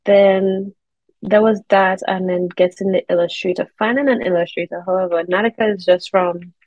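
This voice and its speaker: Joining an interview by video call, this guest, a Caribbean-accented woman in her thirties who works in air traffic control and writes children's books, chats through her answers. She speaks at medium pitch and a moderate pace with fairly even intonation and a darkish tone. There's no echo, though the audio comes through a bit dull.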